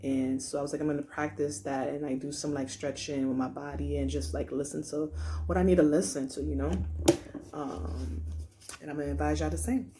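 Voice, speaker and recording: A young woman doing a card reading, reading card texts slowly and then chatting loosely and casually about her day. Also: deep voice, fairly even intonation, background noise. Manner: reads card texts slowly, then chats loosely with lots of "like" and "you know". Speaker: tarot card reader.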